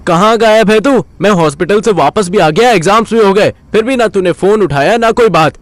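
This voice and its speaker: A man doing a brash excitable young guy. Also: high-pitched, brisk, no echo, voice pushed up, lightly acted. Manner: blunt, excitable, informal. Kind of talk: audio story dialogue.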